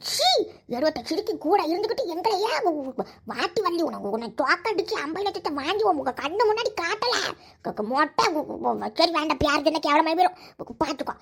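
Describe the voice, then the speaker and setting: A woman's voice: very high voice, a bit bright. A woman playing a scolding role in a comic village sketch, stammering when flustered. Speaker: comedy sketch performer.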